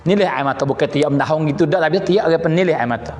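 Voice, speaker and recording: High-voiced preacher with Patani Malay accent. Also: male voice, racing. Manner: animated, repeats a low refrain. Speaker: religious preacher. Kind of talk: storytelling sermon. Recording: echoey hall reverb.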